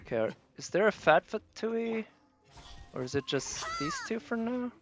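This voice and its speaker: A game livestreamer mutters to himself while playing, giving casual commentary with some mild swearing. His mid-range voice is sing-song and moves at a normal speed over background music.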